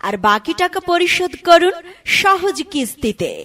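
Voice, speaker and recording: Bangladeshi lady voice actor doing a shop ad, really high voice, coaxing and upbeat promo style. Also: big pitch swings, normal speed, fairly bright tone, exaggerated voice. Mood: promotional. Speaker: advertisement voice artist. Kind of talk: scripted promotional announcement for a shop.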